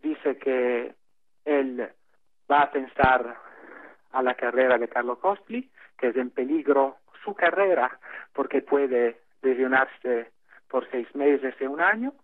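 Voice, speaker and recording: Over a phone line, a medium-pitched male interview guest explains things at length. He speaks slowly and deliberately, halting often and leaning on many fillers.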